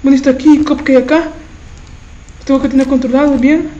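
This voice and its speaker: High-voiced tense woman. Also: fairly even intonation, a little fast, warm tone, lo-fi sound. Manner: tense self-talk, muttering and frantic exclaiming. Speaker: gaming channel host. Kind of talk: horror game commentary.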